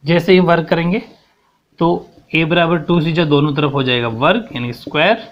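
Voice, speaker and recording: A young male teacher working through a proof on the board, with a voice pitched a little high for a man. He goes step by step and keeps asking the class whether they follow. The recording is dull and lo-fi. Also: moderate pace. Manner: explains step by step, mixing in English terms, keeps checking understanding. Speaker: math teacher. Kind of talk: whiteboard math lesson.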